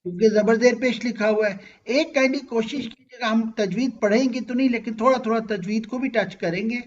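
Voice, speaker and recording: Male teacher, patient and questioning, fairly high voice, slightly dull call audio. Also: brisk. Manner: patient, asks students questions and checks understanding. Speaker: Arabic grammar teacher. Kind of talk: online interactive class.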